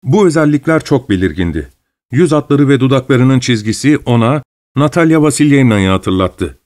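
A man voice actor narrating a novel as an audiobook, measured and expressive. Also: mid-range voice.

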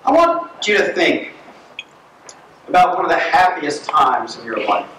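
A high-voiced man preaches in a church, telling stories animatedly with fillers and restarts. He sounds distant from the mic, and his voice rings through a very echoey room. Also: a little slow, slight background noise. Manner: storytelling, animated, with filler words. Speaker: pastor. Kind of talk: sermon. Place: church sanctuary.

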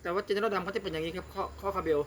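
Thai man teaching music software. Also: sits high, steady tone, rapid-fire, noisy background. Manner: talks directly to viewer, repeats "see?" often. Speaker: music tutorial host. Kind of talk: casual screen-recorded software tutorial.

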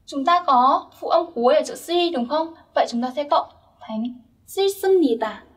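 A woman's voice: high voice, normal speed, a bit bright, distant mic. A young woman teaching Korean grammar step by step, patiently checking that her listeners follow. Her first language is Vietnamese.

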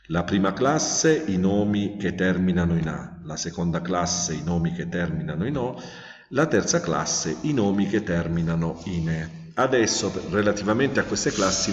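A man teaching a grammar lesson in a methodical way, with frequent hesitations while he lists examples. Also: sits low. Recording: echoey, distant, dull lo-fi sound.

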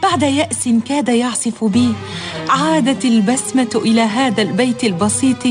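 A woman's voice: a little high, a little fast, over music, close to an everyday voice. A woman playing a hopeful, devoted wife with lyrical, formal delivery in a historical radio drama. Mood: tender, earnest. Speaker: actor in a historical radio serial.

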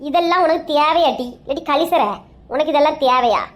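Brief: a woman doing a high, fast, quarrelsome mother in a comic skit, Kanyakumari Tamil accent. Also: natural voice. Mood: scolding. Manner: nagging, bickering, shouting insults. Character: sharp-tongued scolding middle-aged mother.

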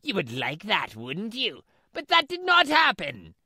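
A woman voicing a crude, spiteful teenage brother who taunts with shouting and cackles. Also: medium pitch, huge pitch swings, a little slow, slightly rough, no echo, studio quality, exaggerated voice.

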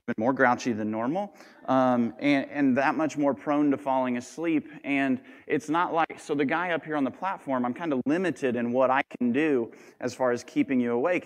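Male pastor, 30s, playful self-mocking sermon, mid-pitched, long reverb of a church sanctuary. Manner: joking, self-deprecating and lively.

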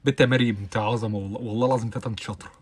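A young man with an Egyptian Arabic accent, hosting a casual live stream, chatting with viewers and answering their comments, with bursts of loud laughter. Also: fairly even intonation, husky. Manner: rapid chatty talk with frequent oaths and bursts of loud high laughter.

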